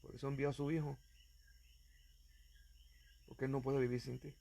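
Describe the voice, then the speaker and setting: A man's voice: mid-range voice, level tone, normal speed, creaky, mellow. A man preaching as an evangelist, speaking earnestly and directly to the listener, with fervent emphasis. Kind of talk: sermon.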